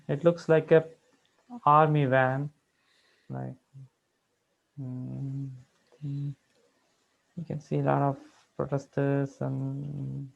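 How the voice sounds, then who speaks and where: Male student, slow and monotone, hesitant pauses, dull call sound. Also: mid-range voice, vocal fry. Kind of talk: describing a picture in class.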